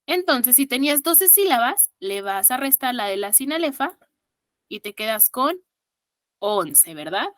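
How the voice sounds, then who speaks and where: A woman's voice: high voice, big pitch swings, a little slow, a bit bright, no room sound, studio quality. A woman with a Mexican accent teaching an online exam-prep class, counting syllables aloud and praising her students patiently.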